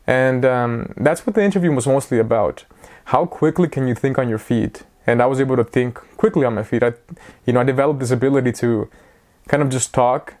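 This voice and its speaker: Talking straight to the camera like a vlogger, a man in his twenties rambles through tangents in a casual, somewhat self-mocking, chatty way. His voice is middle-pitched with a darkish tone.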